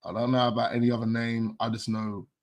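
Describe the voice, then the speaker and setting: A man hosting a live stream, chatting in loose slang and breaking into laughter. His pitch sits in the middle, neither deep nor high, and his delivery stays playful and offhand. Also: little pitch movement, fast. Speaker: host of a fan channel stream. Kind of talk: casual live-stream chat.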